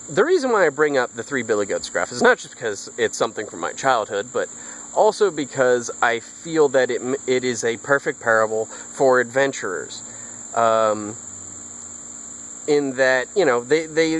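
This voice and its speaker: A man's voice: mid-range voice, lively intonation, moderate pace, a bit bright, slight background noise, rough recording. A man vlogging outdoors in a backyard, retelling a fairy tale in a rambling way with false starts. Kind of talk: casual storytelling vlog.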